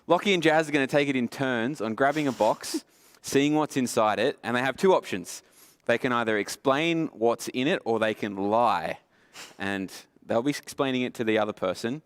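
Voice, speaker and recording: A man's voice: medium pitch, normal speed, clear, resonant tone, no echo. A young man hosting a game at a youth group, explaining the rules playfully and laughing often.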